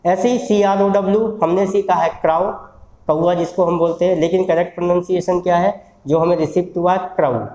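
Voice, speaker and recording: A man's voice: high-pitched, level tone, brisk, dark tone, reverberant, poor audio. A man teaching English phonetics in a recorded lecture. He explains step by step, asking the class questions and answering them himself.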